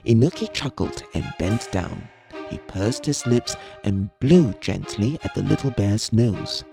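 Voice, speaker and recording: A woman storyteller reading a children's story aloud in an expressive, cozy way. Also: very deep voice, a little slow, vocal fry. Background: music.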